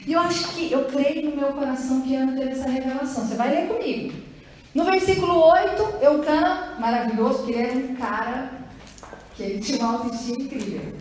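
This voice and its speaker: High-voiced woman preaching in echoing church. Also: quick pace, slight background noise. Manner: lively, conversational preaching with questions to the congregation. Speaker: pastor. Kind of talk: sermon. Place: large echoing church hall. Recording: booming church reverb, distant mic.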